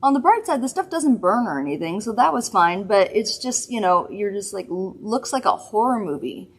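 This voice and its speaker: A woman with a medium-pitched, husky, sing-song voice hosts a makeup livestream at a moderate pace. She chats casually while demoing products, giggling and drifting into rambling asides.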